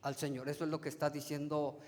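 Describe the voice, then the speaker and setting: A man preaching a sermon to his congregation. He calls them brothers, asks them rhetorical questions, and swings from emphatic rises to soft, trailing phrase endings. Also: fairly high pitch, flat delivery, fast. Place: church sanctuary. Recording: long hall reverb of a church.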